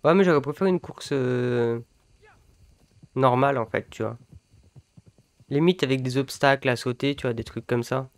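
A man's voice: medium pitch, moderate pace, long pauses, no room sound. A man co-hosting a gaming video, casually commenting on play while chatting with a friend.

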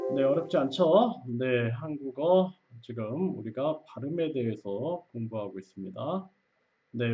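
A man's voice: mid-range voice, dull audio. An older man teaching Korean pronunciation, repeating syllables for learners and mixing in Vietnamese words. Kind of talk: pronunciation lesson.

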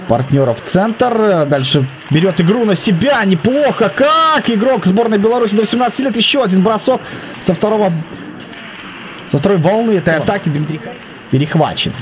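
A man calls live ice hockey play-by-play, excitably, rising to shouts at the big chances. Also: high voice, fairly quick, a little hiss or hum, poor audio. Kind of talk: live play-by-play sports commentary.

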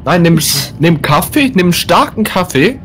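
Casting: playful young male gamer, fairly high voice, very lively pitch, repeats himself, chatting casually. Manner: playful, repeats words rapidly in exclamation. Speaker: gamer playing online with friends. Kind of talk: casual gaming chat with friends. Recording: music behind the voice.

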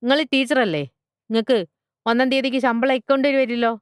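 A woman's voice: medium pitch, lively intonation, brisk, smooth, dry recording, clean studio sound, lightly acted. A woman reading a story aloud and voicing a blunt middle-aged village butcher. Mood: stubborn. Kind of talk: storybook character voice.

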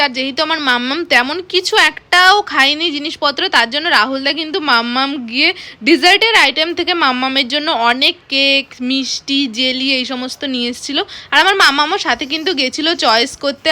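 A woman vlogger narrating a family restaurant outing in a chatty, lively voice-over. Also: sits high.

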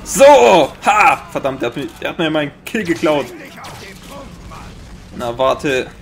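Excitable Bavarian gaming commentator, man. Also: a little high, takes it slowly, vocal fry, a little hiss or hum. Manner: excitable, swears often, makes sound-effect noises. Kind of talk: Let's Play commentary.

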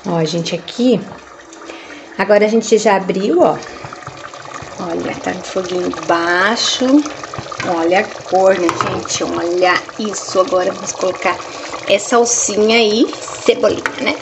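A woman's voice: medium pitch, steady tone, a little slow, vocal fry. A woman in her forties chatting casually through a home cooking vlog, recorded by a camera across her kitchen. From Brazil. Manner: chatty, keeps saying "gente" and "ó". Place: home kitchen with tiled walls. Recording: echoey kitchen with cooking noise.

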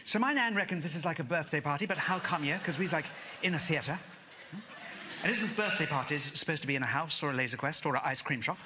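A man's voice: on the high side, expressive, quick pace, close to an everyday voice. A middle-aged British actor playing a gullible RAF airman who rambles earnestly in youth street slang in a live stage comedy sketch. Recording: live theatre stage, loud audience noise.

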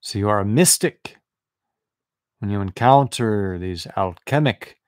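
A man's voice: lowish voice, expressive, no room sound, studio quality. A man giving a meditative spiritual talk, repeating short affirming phrases over and over. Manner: slow, repetitive, affirming phrases. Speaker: spiritual teacher.

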